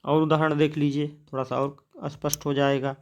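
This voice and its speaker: A man's voice: on the high side, little pitch movement, normal speed, gravelly, highs cut off. A man teaching a grammar lesson, writing examples on a board, repeating words as he writes and answering his own questions.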